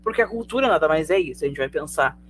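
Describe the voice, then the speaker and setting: A Brazilian-accented teacher leads a remote sociology class in an easy, conversational voice of middling pitch. The teacher fires rhetorical questions at the students and checks that they are following. A faint hum sits under the voice. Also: expressive, fast talker, a bit bright. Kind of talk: live online class lecture.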